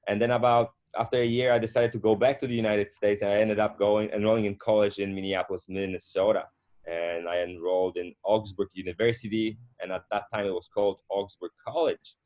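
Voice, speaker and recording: Low-voiced man. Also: steady tone, a little mellow, muffled recording. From Poland. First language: Polish. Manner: unhurried, with frequent fillers and restarts. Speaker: guest. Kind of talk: casual conversational storytelling.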